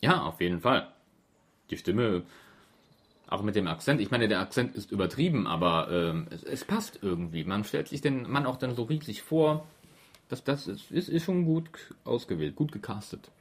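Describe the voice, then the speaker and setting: Co-hosting a casual podcast chat that reviews a radio play, a man speaks at normal speed in a lowish, animated voice. He comes across as eager and tends to stumble and repeat himself.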